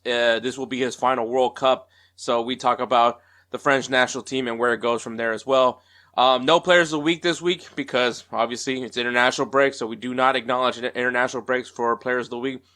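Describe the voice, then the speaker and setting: This man's mid-range voice comes across bright with a forceful tone as he hosts a sports podcast. His casual intro and interview are upbeat and chatty, peppered with fillers and frequent restarts.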